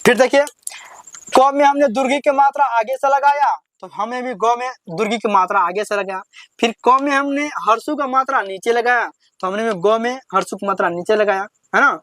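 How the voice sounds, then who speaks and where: Man, high voice, alphabet lesson, patient, repetitive, dry sound. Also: a little fast, fairly bright tone, no room sound. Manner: patient, repetitive, drawing out each syllable when reciting. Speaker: teacher.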